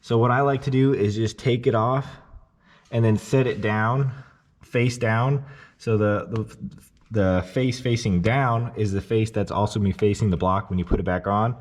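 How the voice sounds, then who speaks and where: A man's voice: lowish voice, normal speed. A man casually talking viewers step by step through timing a car engine while he works on it in a garage. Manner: relaxed step-by-step explaining, addresses viewers directly. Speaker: car repair vlogger. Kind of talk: casual how-to tutorial.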